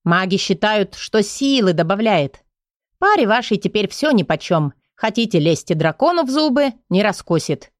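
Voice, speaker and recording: A woman's voice: medium pitch, expressive, normal speed, dry recording, close to an everyday voice. This is a goblin woman who pouts and teases in a sulky way, voiced by a woman narrator. The voice stays near the reader's own. The recording is dry, with no room sound. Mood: pouty. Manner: pouty, teasing.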